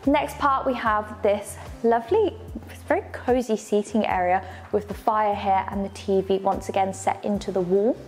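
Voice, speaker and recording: A young woman with a medium-pitched voice, speaking at a normal pace, presents a tour of a luxury home for a show. Her delivery is enthusiastic and polished, with faint, light music playing in the background.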